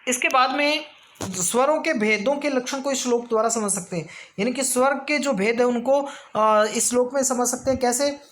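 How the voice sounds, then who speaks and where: A woman with a slightly high voice gives a grammar lesson for exam students. She explains step by step, poses questions and answers them herself, and stretches out vowel sounds slowly to demonstrate them. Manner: frequent check-ins of "theek hai". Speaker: teacher.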